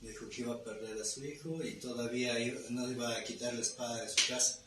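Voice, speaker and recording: Man in a Bible class, mid-pitched voice, distant and echoey. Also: fairly even intonation, fast. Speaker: class participant. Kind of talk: comments in a Bible study. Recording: distant mic in an echoey room with noise.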